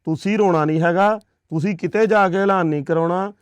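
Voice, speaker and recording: This is a man speaking with a slightly raised pitch. He sounds reassuring and a touch preachy as he hands over aid, often asking short checking questions. The sound is dry and close, with no echo. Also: brisk, clean tone. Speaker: charity worker handing over aid. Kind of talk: earnest on-camera talk.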